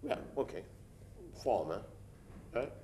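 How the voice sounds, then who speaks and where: A man's voice: lowish voice, very animated, takes it slowly, vocal fry, warm tone, a little hiss or hum. A man hosting a studio news interview, pressing his guest with challenging follow-up questions while he is losing his voice and coughing.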